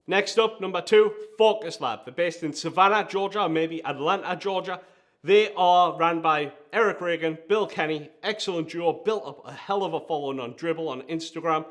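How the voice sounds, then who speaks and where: Hosting a presenter-style countdown video, this design agency founder speaks with a Geordie accent and plenty of enthusiasm and emphasis. His voice is a little high and a bit bright, at a normal speed.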